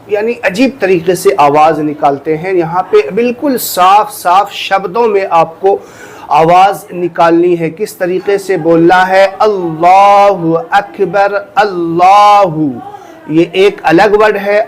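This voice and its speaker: Earnest man teaching in a higher voice. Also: a little hiss or hum. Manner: earnest, explains step by step, repeats phrases; recites phrases slowly and deliberately to demonstrate them. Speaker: religious teacher. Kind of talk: instructional talk on prayer.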